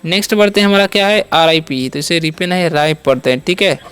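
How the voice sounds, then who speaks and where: A man's voice: high voice, quick pace, fairly bright tone, clean tone, soft background music. A man teaching English words step by step, spelling each word out, quizzing listeners and answering himself, with frequent check-ins. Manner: repeats each word, asks and answers his own questions; ends points with a reassuring check-in. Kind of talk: step-by-step classroom-style lesson.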